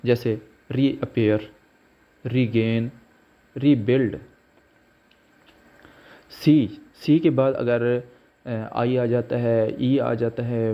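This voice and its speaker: Slow-spoken man teaching pronunciation. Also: mid-range voice, steady tone, vocal fry. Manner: slow, deliberate, spells out letters and example words. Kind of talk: slow explanatory lesson. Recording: dull lo-fi recording.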